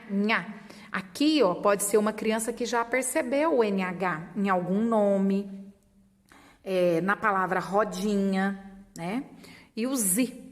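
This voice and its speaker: A woman with a Brazilian Portuguese accent explaining literacy stages to teachers, patiently sounding out words syllable by syllable. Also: medium pitch. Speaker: teacher trainer. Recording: long reverb.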